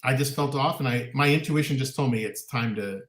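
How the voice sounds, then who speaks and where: A man's voice: medium pitch, brisk, a bit bright. Chatty man in an echoey room. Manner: rambling, earnest, many restarts and ums. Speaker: co-host. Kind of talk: casual chat. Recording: roomy echo.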